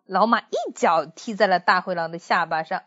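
A woman's voice: fairly low pitch, moderate pace, a bit bright, dull audio. A woman storyteller reading a children's story expressively.

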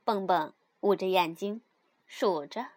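A woman narrating a children's story in an expressive, animated reading style. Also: mid-range voice, takes it slowly.

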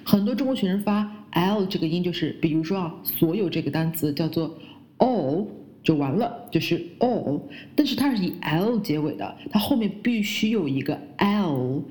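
A woman who speaks Chinese as her first language, teaching English pronunciation and slowly repeating the English words she models. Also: on the low side, expressive, dark tone. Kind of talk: pronunciation lesson.

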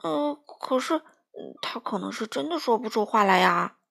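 A kind little pig who talks in an earnest, comforting way, as a woman reading aloud puts it on. The voice is fairly loud and a bit breathy, moving up and down as it speaks. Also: a little high, expressive, moderate pace, heavily acted. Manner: earnest and reassuring. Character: kind, sensible young pig.

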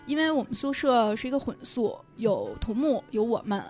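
Woman casually reminiscing, a bit high pitched, informal. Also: expressive, moderate pace, a little mellow, soft background music. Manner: conversational, informal. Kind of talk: casual chat, recollecting.

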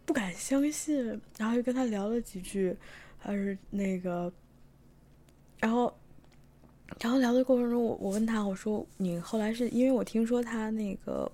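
A young woman from Tianjin, chatting through a personal story with many fillers and restarts, sometimes bursting with excitement. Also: medium pitch. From Tianjin, China. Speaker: vlogger telling a personal story. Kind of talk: casual storytelling monologue.

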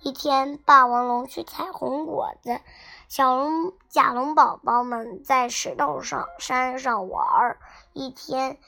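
Slow, bright child reading a storybook. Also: sits high, creaky. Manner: halting, repeats and corrects words. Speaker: storybook reader. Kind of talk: reading a picture book aloud.

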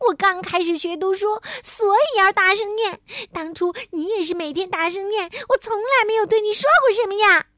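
A woman voicing an excitable, easily hurt young male animal in a children's story, loud and whiny. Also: extremely high pitch, moderate pace, few pauses, no echo, voice pushed up. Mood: aggrieved.

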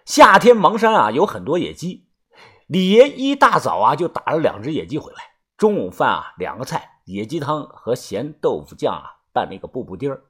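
A man narrating a serialized novel as an animated storyteller who stretches his filler particles. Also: medium pitch, normal speed, slightly rough. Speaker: audiobook narrator.

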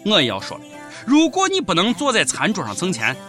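A man's voice: high-pitched, wildly swooping pitch, brisk, pushed and bright, soft background music. A man with a Shaanxi accent hosting scripted satirical news commentary in a mocking, sarcastic manner. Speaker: host of a comic news show.

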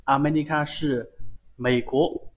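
A man's voice: on the high side, steady tone, slow pace. A man teaching beginners, patiently repeating each sound several times and adding chatty filler particles. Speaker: Japanese language teacher. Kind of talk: online lesson, writing on screen. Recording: dull lo-fi voice recording.

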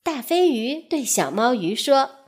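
Slow, expressive woman reading a children's story. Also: sits high, a little hiss or hum.

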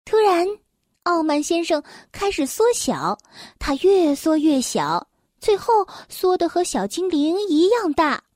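A woman reading a children's storybook aloud, slow and expressive. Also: extremely high pitch, dry recording, clean studio sound.

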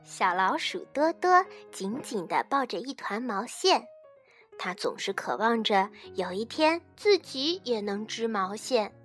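A woman teacher reading a bedtime story to children in a gentle, expressive way. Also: a little high, unhurried, faint music behind.

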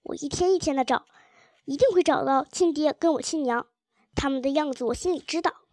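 A woman's voice: high-pitched, a little fast, a little mellow, no echo, natural voice. A woman voicing a stubborn, resentful little girl in a story reading. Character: unhappy determined little girl.

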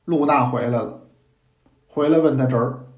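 A man, a teacher telling a historical story in a lively, playful storyteller's manner. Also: medium pitch, moderate pace. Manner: lively, animated, playful asides to listeners. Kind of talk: storytelling in traditional narration style. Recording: echoey room.

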